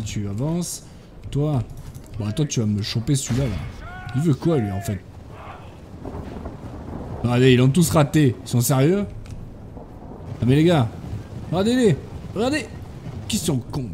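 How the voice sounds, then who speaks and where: Brief: male gamer, mellow tone, bossy running commentary, faint hiss behind. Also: medium pitch. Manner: bosses units around, bursts into excited exclamations. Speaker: gaming YouTuber. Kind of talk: casual let's-play commentary.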